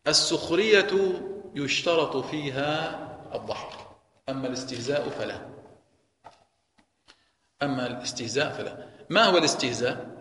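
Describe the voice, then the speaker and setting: A man's voice: mid-range voice, moderate pace, long pauses, a bit bright. Man teaching in an echoing mosque. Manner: explains by posing and answering rhetorical questions. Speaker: Quran teacher. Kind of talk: religious lesson. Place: mosque hall. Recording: echoey reverberant mosque hall.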